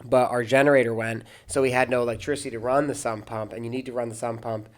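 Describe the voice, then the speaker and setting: This American pastor and podcast host talks fast in a medium-pitched voice with little pitch movement. In casual conversation he tells lengthy anecdotes, often restarting sentences and laughing in bursts.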